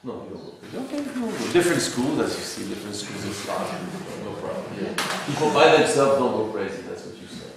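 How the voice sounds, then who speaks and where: A man's voice: fairly low pitch, big pitch swings, quick pace, creaky, few pauses. A man from Algeria leading a philosophy workshop, lecturing a group in a wry, teasing way. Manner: teasing, wry, laughs between remarks. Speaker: philosophy seminar leader. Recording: echoey room, from far off, faint hiss.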